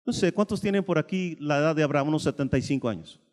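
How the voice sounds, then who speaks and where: A high-voiced man preaches a lively sermon, shifting between loud, emphatic bursts and quiet asides. His voice rings with a long reverb, as in a church hall. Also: fast talker. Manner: animated, swings between loud emphasis and soft asides, acts out dialogue. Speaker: pastor.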